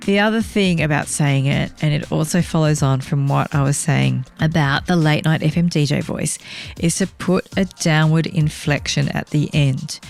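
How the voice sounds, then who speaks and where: Low, gravelly woman hosting a podcast. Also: darkish tone, soft background music. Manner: clear, measured, coaching tone. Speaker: podcast host. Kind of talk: solo podcast monologue giving speaking tips.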